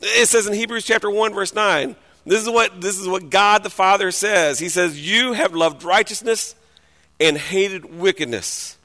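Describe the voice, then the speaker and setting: A man preaching a sermon and reading scripture aloud, dramatic, swinging between hushed passages and loud outbursts. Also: sits high, a little slow. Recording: long hall reverb.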